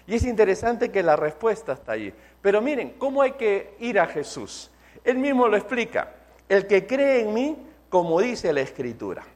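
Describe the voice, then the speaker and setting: A man preaching a sermon, emphatic and slowing down to stress key phrases. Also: high-pitched. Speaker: pastor.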